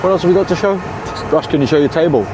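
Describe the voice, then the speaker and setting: A young man hosting a casual vlog, excitable and quick to laugh, swearing freely as he chats to camera. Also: a little high. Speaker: DJ and vlog host. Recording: clear background traffic noise.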